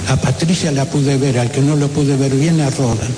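A man giving emotional first-person testimony, halting and repeating words, acting out shouts and gunshots. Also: medium pitch, steady tone. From Argentina. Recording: echoey room with loud noise.

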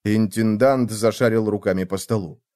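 A man narrating a first-person fantasy story in an expressive, dramatic reading. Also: fairly low pitch, normal speed. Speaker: audiobook narrator.

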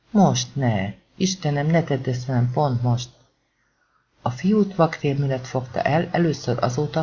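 A man narrating an audiobook in a tense, dramatic way, voicing the shouted lines of the characters himself. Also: fairly high pitch, gravelly, highs cut off.

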